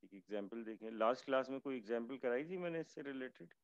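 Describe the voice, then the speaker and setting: A male lecturer with a hoarse voice, teaching a math class online slowly and haltingly, with many fillers. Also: medium pitch, animated, no echo, lo-fi sound. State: hoarse, fasting.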